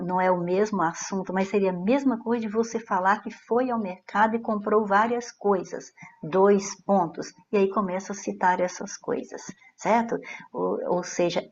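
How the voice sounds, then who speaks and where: A woman's voice: mid-range voice, dull audio. A woman teacher with a Brazilian Portuguese accent explaining exam answers in a grammar lesson, often checking in with her students.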